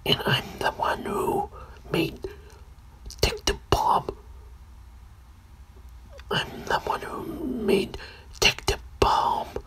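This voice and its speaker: A man voicing a sinister, creepy hoodie man in a homemade video skit, speaking in a hushed whisper. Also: extremely high pitch, wildly swooping pitch, slow, pauses often, pitched above the performer's own voice, heavily acted.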